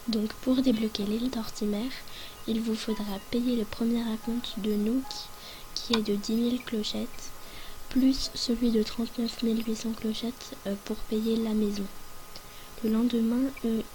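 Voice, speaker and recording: Slightly high, even-toned woman with a hoarse voice. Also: slight background noise, poor audio. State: hoarse from being sick. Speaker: video creator presenting a game guide. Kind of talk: tutorial voice-over. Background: background music.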